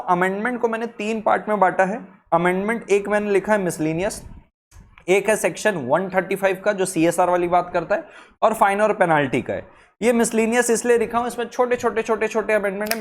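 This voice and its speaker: A man teaching an exam-focused law lecture in a brisk, emphatic way, mixing in English terms. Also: high-pitched.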